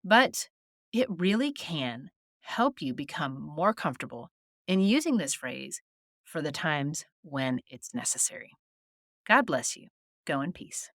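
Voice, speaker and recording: A woman hosting a faith-based advice podcast, talking in a calm, earnest, encouraging way with small laughs, recorded close on a mic. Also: low-pitched, a little slow, no echo. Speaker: podcast host.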